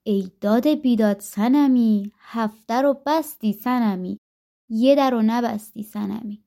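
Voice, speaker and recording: A woman's voice: a little high, vocal fry, dark tone. A woman voicing a frightened old mother in a spoken folktale, with a fretful, wailing manner. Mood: lamenting.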